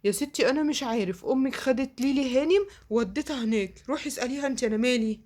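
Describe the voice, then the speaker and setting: A woman's voice: high-pitched, fast talker, a little mellow. A woman voicing a grumbling, exasperated middle-aged father in a cartoon, who speaks with an Egyptian Arabic accent.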